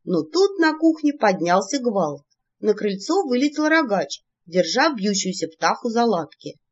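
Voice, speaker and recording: A woman narrating a first-person story in an expressive, lively reading, in a dull lo-fi recording. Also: medium pitch, a little slow, breathy edge. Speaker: audiobook narrator.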